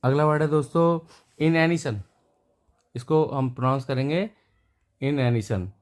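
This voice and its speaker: A man's voice: mid-range voice, measured pace. A man teaching English vocabulary, repeating each word before giving its meaning and synonyms. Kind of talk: explaining words and synonyms to viewers.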